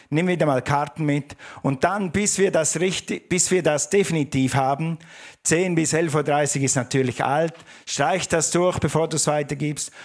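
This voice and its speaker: A man's voice: a little high, creaky. A male pastor preaching a sermon, emphatic, repeating key phrases and calling on the congregation to answer him.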